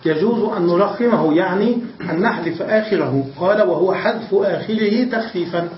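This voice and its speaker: Male grammar teacher, quizzes his class, repeats examples; dull lo-fi recording with faint noise. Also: sits high. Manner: asks students questions and repeats examples slowly. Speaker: sheikh teaching Arabic grammar. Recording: roomy, distant, dull lo-fi recording.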